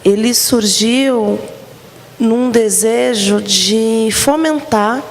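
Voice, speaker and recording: A woman speaking on a dance panel as an artist and program organizer, reflective and searching for her words. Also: fairly high pitch. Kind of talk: panel discussion. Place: arts center stage. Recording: reverberant hall with faint noise.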